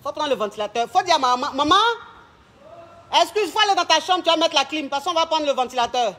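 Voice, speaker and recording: A man's voice: very high-pitched, lively intonation, quick pace, pushed and bright. A man, a relationship coach talking on a live stream at home, flamboyant and mocking in his delivery. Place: at home with family around.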